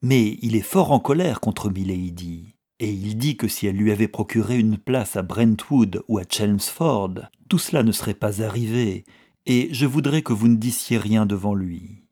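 A man reading the lines of an anxious young peasant wife, who speaks low and urgently. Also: normal speed, breathy edge. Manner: urgent and hushed.

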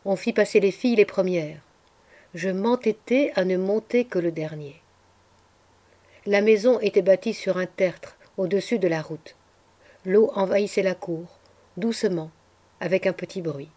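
A woman narrating a literary audiobook in a measured, expressive storytelling voice. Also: medium pitch. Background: faint background music.

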